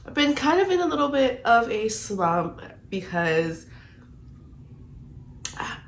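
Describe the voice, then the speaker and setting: Her voice is fairly high, slow, and swings widely in pitch, though congestion makes it stuffy. This young book vlogger chats casually about her reading in a rambling vlog heavy with "like," and there's a little hiss or hum.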